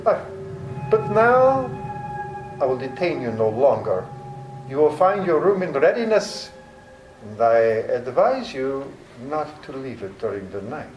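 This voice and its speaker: An actor playing a courtly, sinister vampire count with theatrically polite, menacing delivery in an old-time radio drama. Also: male voice, mid-range voice, sing-song, a little slow, highs cut off. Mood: courtly, ominous. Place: live performance at a public library. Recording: roomy live stage sound with music.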